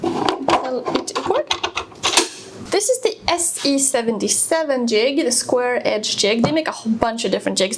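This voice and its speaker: A Swedish woodworking video host with a high-ish voice casually demonstrates a tool in her home workshop. She explains each step with fillers and restarts, against a noisy background.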